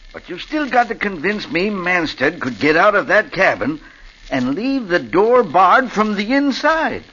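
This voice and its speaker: A skeptical park ranger in a 1940s radio drama. His husky, bright voice rises and falls as he questions. The recording is dull and lo-fi. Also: sits high, big pitch swings, measured pace, full character voice. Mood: doubtful. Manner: doubtful, questioning.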